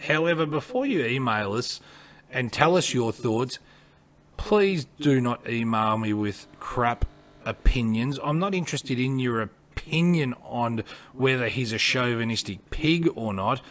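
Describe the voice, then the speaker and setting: A man's voice: mid-range voice, expressive, measured pace, a bit bright. A man co-hosting a podcast, giving blunt, emphatic opinions and repeating his points. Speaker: podcast co-host.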